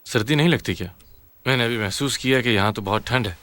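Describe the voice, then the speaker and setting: A man dubbing a calm, protective young man. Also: medium pitch, fast, close to an everyday voice. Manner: calm, earnest, reassuring. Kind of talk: dubbed TV drama. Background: faint music.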